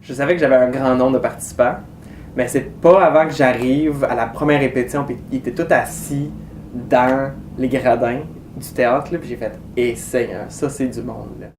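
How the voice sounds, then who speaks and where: A man's voice: medium pitch, moderate pace, slight background noise. A man, a stage director from southwestern Ontario with a Franco-Ontarian accent, talking casually in an interview. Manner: relaxed, conversational, frequent fillers. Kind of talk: interview talk. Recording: roomy, distant mic.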